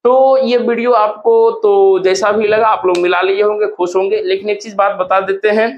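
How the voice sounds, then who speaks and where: Explaining exam answers at normal speed, a high-voiced teacher with a Bihar Hindi accent sounds steady, easygoing and encouraging. The lo-fi recording carries a little hiss or hum.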